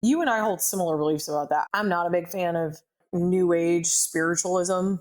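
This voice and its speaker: A woman co-hosting a podcast chats casually, earnestly explaining her views and clarifying what she means. Her voice is on the low side, with a darkish tone and a normal speaking speed.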